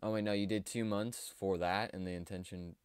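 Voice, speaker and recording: Male commentator, lowish smooth voice, hesitant and filler-heavy, dry close mic. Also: fairly even intonation, a little fast, a little mellow, no echo. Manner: rambling, hesitant, lots of fillers. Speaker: video commentator. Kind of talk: casual commentary on a cartoon series.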